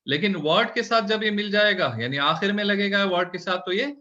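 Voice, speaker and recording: Patient male teacher, bright voice. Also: high-pitched, brisk, highs cut off. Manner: patient, explaining step by step, opening with prayers. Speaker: Urdu teacher. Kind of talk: online language lesson.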